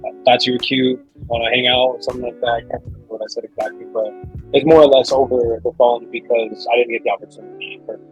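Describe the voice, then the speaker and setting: A man in his twenties introducing himself and answering interview questions casually, with hesitant pauses. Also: mid-range voice, fairly even intonation, lo-fi sound, faint music behind. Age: 20s.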